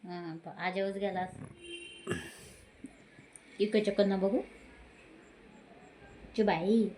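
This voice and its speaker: A woman's voice: mid-range voice, fairly even intonation, extremely slow, mellow, a little hiss or hum. An older woman grumbles at the family cat. Her complaints are scolding and often muttered half under her breath. It sounds like a casual home video.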